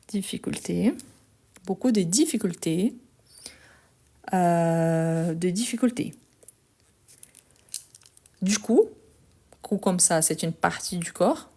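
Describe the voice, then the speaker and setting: In a live online French lesson, a woman with a dark, low-leaning voice corrects a text one step at a time. Her explanations are slow and patient, full of "donc" and repeated words, spoken into a phone held in her hand.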